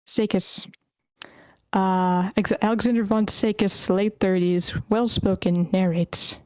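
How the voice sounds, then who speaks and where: A woman reading a screenplay's scene directions aloud at an online table read, steady but stumbling over character names. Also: medium pitch, a little slow, clear, resonant tone, no echo. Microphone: computer mic in an online meeting.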